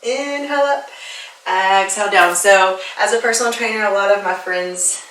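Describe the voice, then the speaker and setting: A bright-voiced woman guides a yoga class with upbeat, playful cues and frequent laughter. She sounds a little out of breath as she moves along with the class. Her voice rings in a roomy, echoey space, a little away from the mic. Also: medium pitch, moderate pace. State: slightly out of breath from exercising. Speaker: yoga instructor and personal trainer. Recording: echoey room, voice a bit far from the mic.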